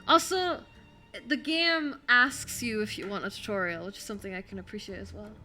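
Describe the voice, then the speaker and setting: Bright-voiced woman with a German accent. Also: mid-range voice, a little fast, soft background music. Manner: chatty, thinks aloud, answers chat. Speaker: streamer. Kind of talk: casual gameplay commentary.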